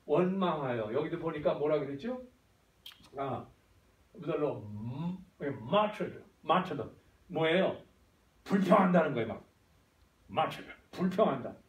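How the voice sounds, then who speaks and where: A male pastor preaching a sermon, often asking the congregation questions and drawing answers back. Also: sits high. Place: church sanctuary. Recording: echoey church hall, voice from far.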